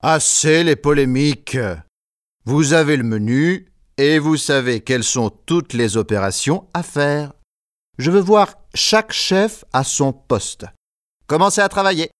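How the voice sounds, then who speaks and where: A commanding head chef, voiced by a man in a scripted textbook dialogue. He speaks slowly and firmly, with a lively rise and fall in his voice. The recording is close and dry. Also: a little high, dry recording. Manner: firm, commanding. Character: stern adult male head chef running a kitchen brigade.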